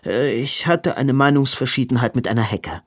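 A man voicing a dry, wry young gentleman in a novel. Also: medium pitch, normal speed, slightly rough, no echo, natural voice.

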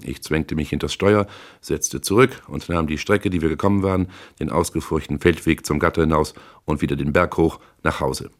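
Deep-voiced man narrating a hard-boiled crime novel. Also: steady tone, moderate pace. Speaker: audiobook narrator.

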